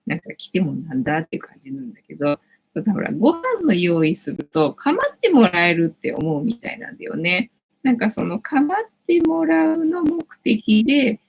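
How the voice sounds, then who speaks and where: A woman's voice: mid-range voice, gravelly, husky, lo-fi sound. A woman in her late forties hosting a casual livestream from home, rambling chattily with lots of fillers. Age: late 40s. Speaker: livestream host.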